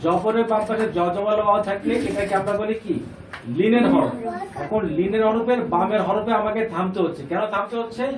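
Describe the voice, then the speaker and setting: A high-voiced man teaching a reading class, patient and repetitive, pausing to quiz his students. He sounds distant from the microphone, in an echoey room with faint noise behind him. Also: steady tone. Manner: patient, repeats points and asks the class questions. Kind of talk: classroom lesson.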